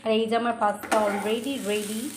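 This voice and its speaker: A hoarse young woman chatting casually to the camera in a vlog, showing things around her home kitchen. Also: on the high side, flat delivery, normal speed. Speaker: vlogger. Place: busy home kitchen, indoors. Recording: echoey room with loud household noise.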